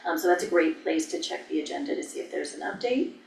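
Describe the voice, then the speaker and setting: An American woman, a staff official, giving informal updates at a public meeting with hesitant, halting phrasing. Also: low-pitched, expressive, gravelly, darkish tone. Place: indoor public meeting room. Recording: echoey room, distant mic, faint noise.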